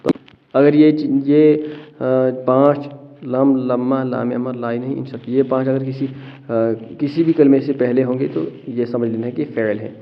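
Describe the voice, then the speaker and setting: A man teaching a lesson, explaining step by step, asking questions and answering them himself, often pausing with fillers. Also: medium pitch, fairly even intonation, phone-quality sound. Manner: asks rhetorical questions then answers them; checks in with listeners, hesitant fillers. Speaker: Arabic grammar teacher.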